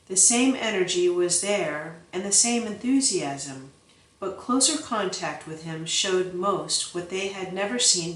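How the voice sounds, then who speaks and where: A woman narrating an audiobook in a measured, even reading voice. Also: lowish voice, recorded from a distance. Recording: roomy, voice set back from the mic.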